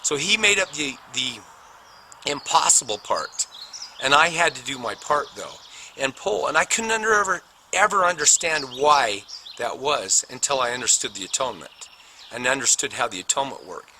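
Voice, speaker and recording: A middle-aged man telling his own near-death story as a personal testimony, animated and dramatic, with spoken sound effects. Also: mid-range voice, moderate pace, poor audio. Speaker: speaker recounting a near-death experience. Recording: noticeable background noise.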